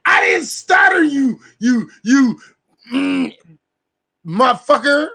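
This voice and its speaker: A man voicing an angry, foul-mouthed middle-aged woman with a Southern US accent, shrill and insulting. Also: very animated, normal speed, darkish tone. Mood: shrieking.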